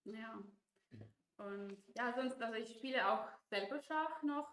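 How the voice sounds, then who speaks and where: Speaking a little slowly in a slightly high, a bit bright voice, this woman from Ukraine is a hesitant guest co-commentator chatting casually on a chess stream. She uses lots of fillers and restarts, laughs frequently, and sounds like she's in an echoey room.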